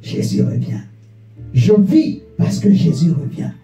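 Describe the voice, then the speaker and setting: High-voiced preacher shouting in an echoey hall. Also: male voice, wildly swooping pitch, takes it slowly, vocal fry. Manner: repetitive, rhetorical questions, bursts of shouting. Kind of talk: fervent sermon with congregation call-and-response. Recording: echoey church room, distant mic, faint guitar.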